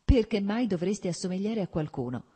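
A woman reading an audiobook voices a calm, gentle young woman who speaks plainly and mildly. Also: medium pitch, a little fast, husky, voice pushed up.

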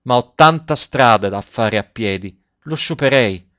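A man voicing a gentle, worn-out peasant boy who speaks softly and plainly, read in a storybook. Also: mid-range voice, animated, measured pace, no room sound. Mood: grieving. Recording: dry, dull lo-fi recording.

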